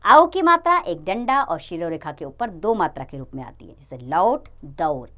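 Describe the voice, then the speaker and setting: A woman's voice: lowish voice, normal speed. A woman teaching a grammar lesson to children, explaining patiently and calling them "children" as she goes. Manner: addresses children, lively sing-song explaining.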